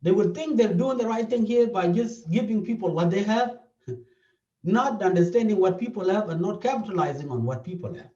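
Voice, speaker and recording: A high, animated male voice with a dark tone moves briskly: a South Sudanese therapist in an interview, earnestly explaining and frequently repeating his points. His accent is South Sudanese, and the recording is dull, echoey and distant.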